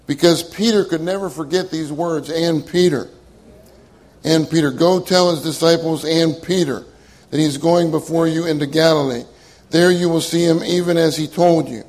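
High-voiced man preaching earnestly. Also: a little mellow, rough recording. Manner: earnest, emphatic, repeats key phrases. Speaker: minister. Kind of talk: sermon.

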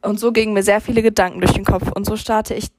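A young woman reading her own fan fiction aloud, rushing and often tripping over words and correcting herself. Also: mid-range voice, steady tone, very noisy. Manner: rushed reading with frequent slips and self-corrections.

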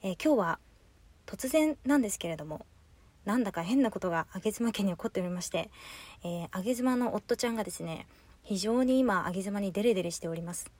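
A quick-talking woman hosts her own casual radio show, chatting candidly about home life. Her voice sits close to the mic in a dry, dead room. She sometimes calls herself by her nickname. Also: medium pitch, animated, a little mellow, no room sound. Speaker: podcast host, housewife. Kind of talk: casual solo radio talk.

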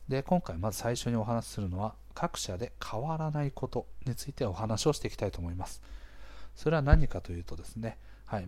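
A man speaks as the host of a casual explainer. His voice is a little hoarse and sits at an ordinary middle pitch. He talks conversationally, walking the listener through points with small interjections along the way. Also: a little mellow. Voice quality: hoarse, gravelly-sounding voice. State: slightly hoarse. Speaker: podcast host.

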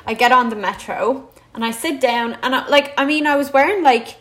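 Animated young Dublin Irish woman. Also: high voice, brisk. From Dublin, Ireland. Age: 20s. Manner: animated, quotes others in lively bursts. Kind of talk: casual storytelling chat.

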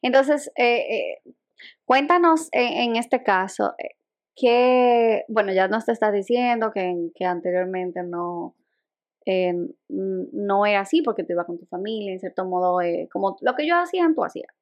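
A woman's voice: medium pitch, a little slow. A young woman, co-hosting a podcast in casual chat, laughing often and restarting her sentences. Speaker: podcast co-host.

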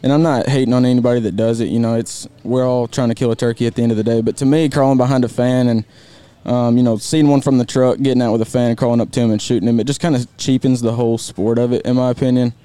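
A man's voice: medium pitch, fairly even intonation, fast, hardly any pauses, mellow, clear, resonant tone. A man being interviewed in a casual chat, talking in a rambling, hedging way and saying "man" often. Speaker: guest, works for a call company. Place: event venue.

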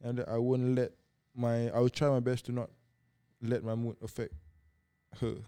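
Very mellow, smooth Singaporean man speaking Singlish. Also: medium pitch, level tone, no echo. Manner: Singlish with Malay code-switching; halting, repeats words. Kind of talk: casual chat.

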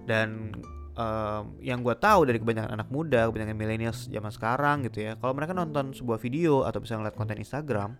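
A young man with Jakarta slang hosting a casual solo podcast, talking fast with many filler sounds. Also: mid-range voice, soft background music. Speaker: podcast host.

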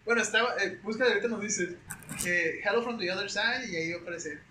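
A young man with a Mexican accent, a podcast guest telling stories in a slangy, animated, casual way. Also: high voice, fast talker. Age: young adult. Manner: slangy, animated, peppers speech with güey. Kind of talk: casual storytelling chat. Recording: roomy echo with faint hiss.

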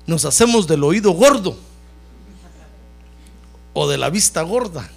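High, animated male preacher. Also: measured pace, vocal fry. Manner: animated preaching that repeatedly addresses listeners as brother. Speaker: pastor. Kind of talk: sermon.

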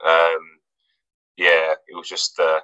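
Speaking slowly in a clean bass voice, an English footballer chats casually as an interview guest, relaxed and hesitant, with many fillers and restarts. The recording is dry and low in quality.

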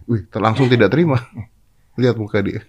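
A man's voice: fairly low pitch, fairly quick, darkish tone, husky. A man in his forties hosting a casual chat, joking and teasing with slangy talk and frequent laughs. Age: 40s. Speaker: host.

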